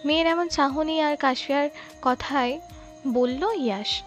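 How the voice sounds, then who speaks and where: A woman narrating a romantic audio story in a soft, steady storytelling voice. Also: high-pitched, measured pace, faint music behind. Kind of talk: scripted narration.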